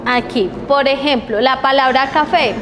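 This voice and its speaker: Woman trainer, stretched letter sounds, higher voice, long hall echo. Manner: models letter sounds slowly, stretching them for teachers; asks the group check questions. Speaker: teacher trainer. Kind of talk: training workshop lecture. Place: training room. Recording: reverberant hall with faint background noise.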